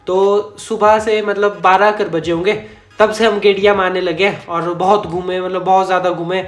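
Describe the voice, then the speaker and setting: Male vlogger, high voice, chatty storyteller who chuckles and corrects himself, echoey room. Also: little pitch movement, moderate pace, soft background music. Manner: chatty, rambling, self-correcting, chuckles often. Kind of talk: casual storytime narration.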